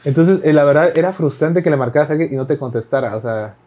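A man with a Mexican Spanish accent chatting casually on a podcast, telling lively stories, acting out dialogue and swearing freely. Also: a little high, quick pace. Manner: animated storytelling, acts out dialogue, swears freely. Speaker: podcast talker recounting delivery work.

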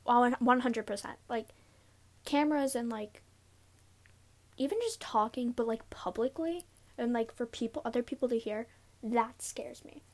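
Young woman, higher-pitched, nervous and giggly, halting casual solo podcast delivery from inside a closet. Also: a little mellow. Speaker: podcast host. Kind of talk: casual confessional solo talk. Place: inside a closet, sitting on a pillow.

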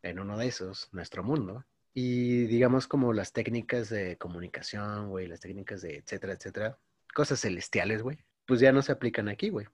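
Slangy young Mexican man, low voice. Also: brisk, dry recording. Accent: Mexican Spanish. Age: 20s. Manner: slangy, says "güey" constantly, storytelling. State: coughing. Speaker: podcast co-host. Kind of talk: casual chat.

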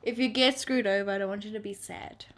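A woman's voice: medium pitch, fairly even intonation, fast talker. A young woman, making wry teasing remarks in a casual chat with friends.

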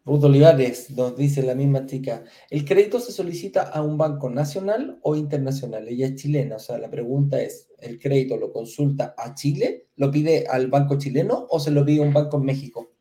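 Mellow-voiced man in a roomy echo. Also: mid-range voice, animated, a little fast, few pauses. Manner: reads comments aloud, casual asides. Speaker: co-host reading viewer comments. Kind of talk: live stream Q&A.

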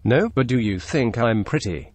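A man dubbing an absent co-host as a British robot, with a stiff put-on British accent and a flat robotic delivery. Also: mid-range voice, normal speed, no room sound, pitched below the performer's own voice, lightly acted. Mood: deadpan.

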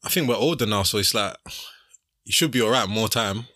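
A man's voice: lowish voice, fairly quick, bright, forceful tone, no room sound, clean studio sound. A young man with a London roadman accent, chatting casually on a podcast in slangy, repetitive short phrases. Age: young adult. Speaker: podcast speaker.

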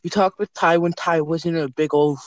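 A man's voice: on the high side, fairly even intonation, normal speed, no room sound, muffled recording. A teenage boy telling a rambling, crude story to friends over an online voice call. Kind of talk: casual chat among friends.

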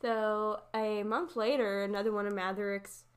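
A woman's voice: medium pitch, steady tone, moderate pace, clean tone. A woman co-hosting a casual true-crime podcast, laughing often and adding mocking asides. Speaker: podcast co-host.

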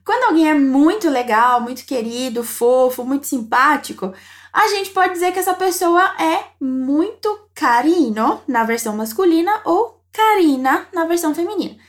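High-voiced woman teaching Italian. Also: animated. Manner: encouraging, models phrases slowly for repetition. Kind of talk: language lesson narration.

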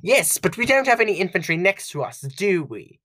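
Man doing a keen young gunner, high and bouncy, polite to his boss. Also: sing-song, brisk, pushed and bright, full character voice. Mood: earnest. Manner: earnest, deferential to his superior.

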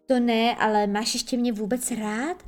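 A woman's voice: on the high side, fairly even intonation, natural voice. A woman reading a storybook voicing Wendy, a girl playing a sweet, motherly role. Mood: coaxing. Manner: sweet, then icy.

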